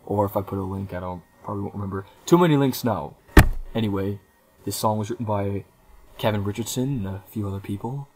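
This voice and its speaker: A man's voice: on the low side, quick pace, dark tone. A young man in his twenties giving a casual, rambling album review, hesitating often with frequent ums and small restarts. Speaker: music reviewer.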